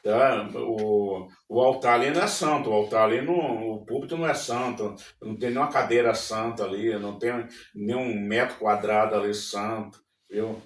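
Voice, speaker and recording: A man's voice: on the low side, normal speed. A man co-hosting a casual religious podcast, talking reflectively and often checking in with his listener. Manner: reflective, frequent check-in tags. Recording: roomy, distant mic, faint noise.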